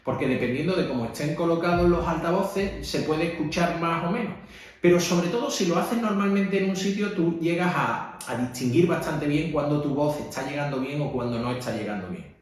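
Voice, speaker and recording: A man's voice: fairly high pitch, animated, brisk. A man with a Spanish accent, a priest teaching how to read at mass, in a conversational way with frequent tag questions. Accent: Spanish (Spain). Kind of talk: instructional talk. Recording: echoey room.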